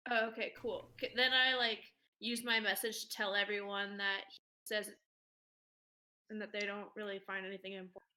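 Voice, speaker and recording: A woman playing a tabletop role-playing game, casual and quick, trailing off mid-thought. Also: medium pitch, level tone, sharp tone, a little hiss or hum, poor audio. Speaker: player.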